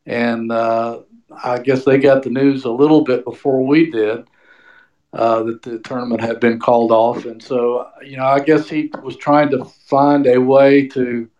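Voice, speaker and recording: A man calling in over the phone as a guest sports reporter, telling a story in a relaxed, rambling way. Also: medium pitch, measured pace. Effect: heard over the phone. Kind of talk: phone-in interview. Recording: dull phone-line sound.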